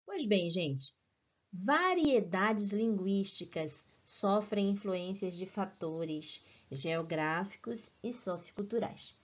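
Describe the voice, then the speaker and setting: A woman's voice: medium pitch, animated, takes it slowly. A woman teaching a recorded lesson who explains step by step and often checks in with "certo?". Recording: dull lo-fi audio.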